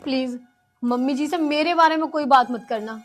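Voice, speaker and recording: A patient young daughter-in-law who pleads earnestly, played by an actress. Her voice is fairly high, with faint music underneath. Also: moderate pace, lightly acted. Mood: pleading. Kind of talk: rural comedy drama acting.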